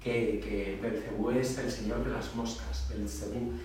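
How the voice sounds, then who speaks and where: A man's voice: mid-range voice, steady tone, a little slow, a little mellow, a little hiss or hum. A man, a priest, giving a homily in an emphatic, conversational preaching style. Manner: emphatic, conversational preaching with dramatic quoted voices. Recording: echoey church from far off.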